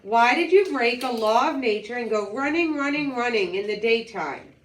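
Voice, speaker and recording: A woman's voice: a little high, animated, moderate pace, fairly bright tone. A woman voicing a solemn lion king in a folktale, questioning his animal council in declamatory phrases. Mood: stern, emphatic. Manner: declamatory, repeating words for weight. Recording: roomy echo, distant microphone.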